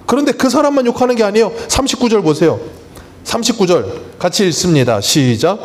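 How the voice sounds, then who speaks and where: A man's voice: high-pitched, lively intonation, a little fast. A man preaching a Sunday sermon as pastor, emphatic and full of rhetorical questions to the congregation. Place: church sanctuary.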